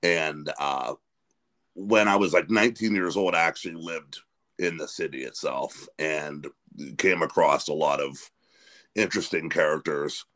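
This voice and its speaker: A man's voice: extremely low pitch, measured pace, sharp tone. A man, hosting a podcast in casual, rambling chat full of restarts. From Pennsylvania. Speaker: podcast host.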